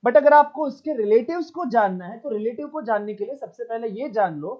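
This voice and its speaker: A man's voice: very high-pitched, expressive, fairly quick, a little mellow. Man teaching math over a dull call. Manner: mixes Hindi and English, checks in with students often. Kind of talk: online class lesson.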